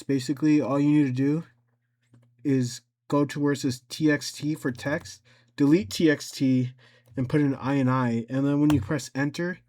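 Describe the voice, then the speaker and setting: Working through software without a script, this medium-pitched tutorial host talks through his thinking out loud. His delivery is halting, with frequent repetitions and self-corrections.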